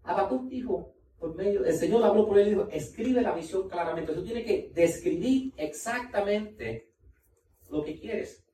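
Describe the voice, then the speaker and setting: A man's voice: high voice, a little slow, dark tone, far from the mic, slight background noise. Male pastor preaching, emphatic, repeats himself, roomy church sound. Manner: emphatic, repeats key points, talks directly to the congregation. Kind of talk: sermon.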